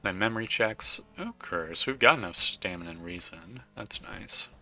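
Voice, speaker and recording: Bright-voiced man commenting on a game. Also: lowish voice, animated, normal speed, soft background music. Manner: chatty, reads game text aloud in a narrating tone. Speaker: gaming YouTuber. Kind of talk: casual let's play commentary.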